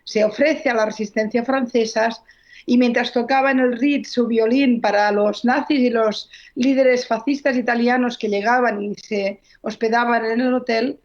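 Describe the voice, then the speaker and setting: A woman speaks in a slightly high voice, recounting history as an author in an interview. She talks fluently and earnestly, stopping now and then to correct herself. The recording is dull and lo-fi. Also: a little mellow. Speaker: novelist guest. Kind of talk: interview answers, storytelling.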